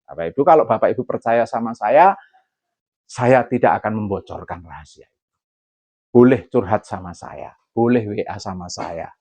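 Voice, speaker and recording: A male pastor with a Javanese accent preaching a sermon, lively and joking, slipping into Javanese asides. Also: fairly low pitch, normal speed, dry recording. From Central Java, Indonesia.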